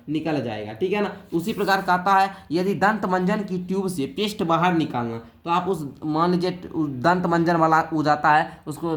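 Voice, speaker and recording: Coaxing teacher, rather high. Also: male voice, fairly bright tone. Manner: coaxing, keeps asking the pupils "theek hai?"; reads questions out, then explains them plainly. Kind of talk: classroom-style exam answer lesson.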